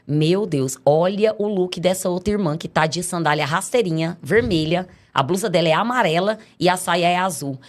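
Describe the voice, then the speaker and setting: A middle-aged woman with a Brazilian Portuguese accent tells her testimony in a casual, lively way. She acts out the people in her story as she goes. Her voice sits a little low for a woman. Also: moderate pace, few pauses. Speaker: podcast guest giving a testimony.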